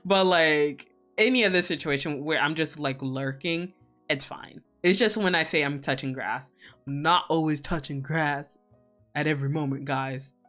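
A woman's voice: sits low, moderate pace, fairly bright tone. A woman hosting a casual livestream as a VTuber, chatting with viewers in a playful, giggly, mock-scolding and casually sweary way. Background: music.

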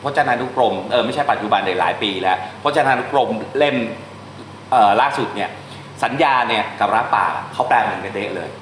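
A man's voice: fairly low pitch, a bit bright. Male teacher, casual and chatty, explains step by step, recorded in an echoey classroom with faint background noise. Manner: chatty, explains step by step, reads English lines slowly. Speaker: translation teacher. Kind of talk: informal classroom lesson.

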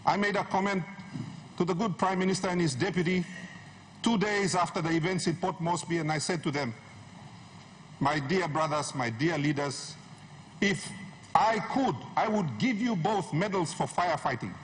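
A middle-aged member of parliament from Papua New Guinea delivers an impassioned, emphatic speech, repeating phrases for rhetorical effect in a high-pitched voice at normal speed. He stands at a desk gooseneck microphone in a large wood-panelled parliament chamber, and the recording is noisy.

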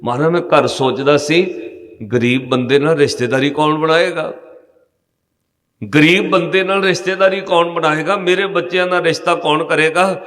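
A man's voice: a little high, fairly even intonation, normal speed, fairly bright tone, close to an everyday voice. A man voicing a poor, humble, devout villager who pleads in tears, heard in an echoey hall. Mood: pleading.

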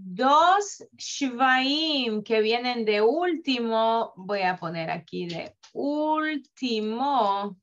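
A woman teaching Hebrew reading in a live class, slowly drawing out sounds to demonstrate them with patience. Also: fairly high pitch, expressive. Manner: patient, drawn-out demonstrative pronunciation. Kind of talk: slow online reading lesson. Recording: dull lo-fi audio.

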